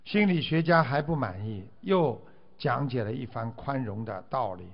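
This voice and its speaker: A man's voice: mid-range voice, expressive, moderate pace, creaky. A man giving a Buddhist dharma talk, exhorting his listeners and stretching out drawn 'ah' particles between phrases. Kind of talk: sermon. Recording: dull lo-fi recording.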